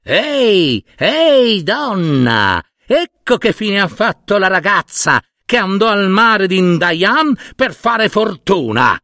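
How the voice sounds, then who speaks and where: Big storybook vultures, done by a man, crying out, raised and lively. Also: high voice, slow pace, few pauses, no room sound, clean studio sound, pitched above the performer's own voice, exaggerated voice. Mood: jeering. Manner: calling out loudly. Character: flock of big screeching vultures.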